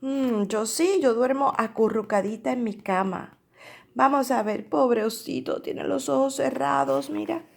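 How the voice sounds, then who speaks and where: Lady teacher doing storytime for small kids, drags words out syllable by syllable, kinda high voice. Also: gravelly. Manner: slow, drawn-out syllable drilling with animated read-aloud emphasis. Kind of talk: reading a picture book aloud to young children.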